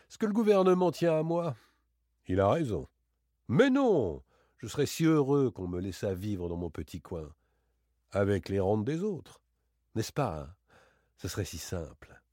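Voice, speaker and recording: A man voicing a playful, boastful gentleman thief in a dramatic audiobook reading, teasing and theatrical. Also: no echo, studio quality. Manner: teasing, theatrical, swings between bright exclamations and low asides.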